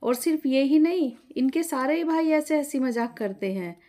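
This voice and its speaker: A woman's voice: high-pitched, expressive, moderate pace, pitched above the performer's own voice. A woman voicing a cheerful, friendly married daughter in a family story. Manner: bright, laughing, friendly. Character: cheerful married daughter who visits daily.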